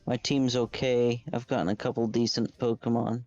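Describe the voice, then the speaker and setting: A laid-back man talking casually in a dark, mellow voice that sounds muffled and far off, as though heard through a wall. The dull, lo-fi voice chat audio dulls every word. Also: medium pitch, flat delivery, moderate pace, no room sound, faint music behind. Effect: muffled and distant, as if through a wall. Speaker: gamer on voice chat.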